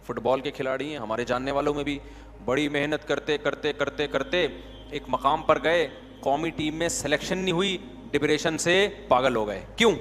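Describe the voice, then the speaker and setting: A man's voice: a little high, fairly bright tone, long reverb tail, slight background noise. A man giving a conversational religious sermon, often asking his listeners questions. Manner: conversational, asks the audience questions. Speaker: religious preacher. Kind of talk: Urdu sermon.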